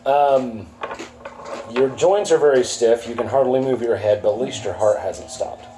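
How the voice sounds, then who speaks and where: A man running a tabletop game as dungeon master, narrating scenes in a slow, halting way with many fillers. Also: mid-range voice, dark tone, poor audio.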